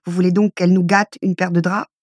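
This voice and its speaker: A woman voicing a gruff, disdainful male country doctor in a low, curt, grumbling tone. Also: flat delivery, a little fast, darkish tone, no room sound, studio quality, lightly acted. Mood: scornful.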